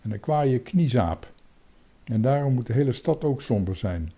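A man's voice: mid-range voice, animated, normal speed, dark tone. A man voicing a timid, frightened young boy who stammers urgently in a children's storybook reading. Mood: anxious.

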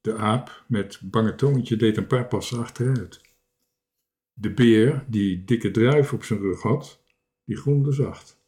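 A man reading a children's storybook aloud as narrator. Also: on the low side. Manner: slow, even storybook reading.

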